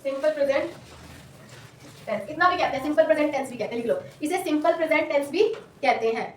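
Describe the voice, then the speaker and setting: A woman tutor with a sore throat, teaching loudly and drilling students through repetition. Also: high voice, fast, slight background noise. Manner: loud, repetitive drilling, call-and-response. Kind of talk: classroom lesson with call-and-response. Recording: echoey room, mic far off.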